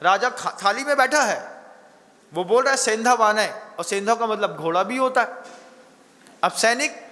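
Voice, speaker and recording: A man's voice: high-pitched, animated, normal speed, pauses often, sharp tone, big-room sound. A man, a Jain monk, giving a sermon to his listeners, telling stories, acting out dialogue and asking them questions. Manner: acts out quoted dialogue, asks the audience questions. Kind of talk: sermon with storytelling.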